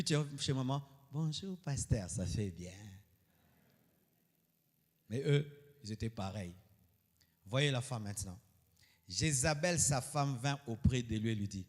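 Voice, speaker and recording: A male pastor preaching a sermon, moving between loud, high outbursts and quiet asides. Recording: long hall reverb.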